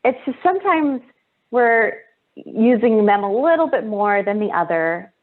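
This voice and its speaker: A woman's voice: on the high side, animated, a little slow. A woman hosting an online interview over a video call, speaking in an effusive, complimentary way. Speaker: host. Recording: phone-like narrow sound.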